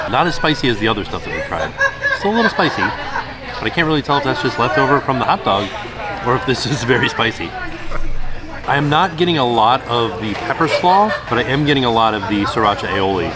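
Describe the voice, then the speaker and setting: A man chatting casually and enthusiastically as he vlogs a food and merch review. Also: medium pitch. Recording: loud music and busy outdoor crowd behind. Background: loud music, crowd.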